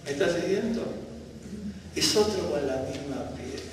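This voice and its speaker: A man's voice: a little high, animated, unhurried. A man gives a conversational Bible teaching, often checking that his listeners follow. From Argentina. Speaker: teacher at a congregation. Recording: echoey hall, mic far off, faint room noise.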